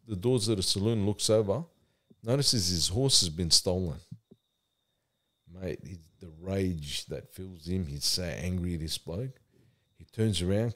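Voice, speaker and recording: A man with a very low voice speaks casually, as if among friends. He is plain-spoken and colloquial, telling things in simple storytelling phrases. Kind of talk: casual chat and unhurried storytelling.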